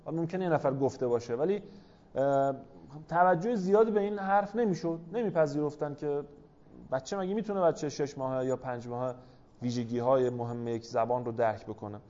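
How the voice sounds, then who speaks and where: A man's voice: medium pitch, warm tone. A man lecturing a class, explaining step by step and asking rhetorical questions of his listeners. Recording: dull lo-fi recording.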